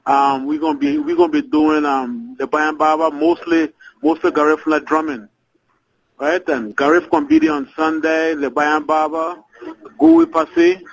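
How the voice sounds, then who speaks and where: Creaky, animated man calling in. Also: fairly high pitch, moderate pace, low-quality recording. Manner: repeats phrases, informal. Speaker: cafe owner calling in as guest. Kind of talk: casual live phone interview. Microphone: phone call.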